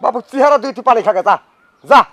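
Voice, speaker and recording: A man's voice: extremely high pitch, brisk, fairly bright tone, no echo. A man with a rural Pabna Bengali accent playing a short-tempered old father-in-law who scolds and curses. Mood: angry. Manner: scolding, cursing.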